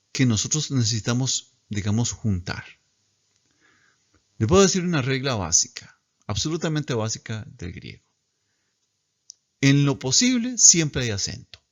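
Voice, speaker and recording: Slow, lively-voiced male teacher. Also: mid-range voice. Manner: slow, patient, repeats words for students to copy. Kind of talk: recorded lecture.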